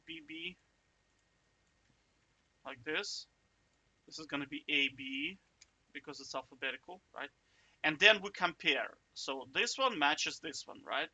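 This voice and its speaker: A coding tutor gives a casual, chatty walkthrough, thinking aloud, interrupting himself, and tossing in jokey asides. He checks in with the viewer often, frequently asking "right?" His voice is fairly high, bright, and forceful.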